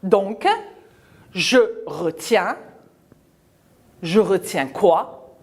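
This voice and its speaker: A woman's voice: medium pitch, drawn-out words, a little mellow, breathy edge. A woman primary school teacher giving a televised French lesson to children, speaking emphatically and repeating words and sounds so young pupils can follow. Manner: sing-song, encouraging teacher talk.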